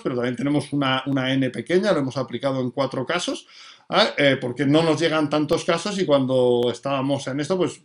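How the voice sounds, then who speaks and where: A man, a dog trainer explaining things in a live talk and answering viewer questions, often checking in with his listeners. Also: on the high side.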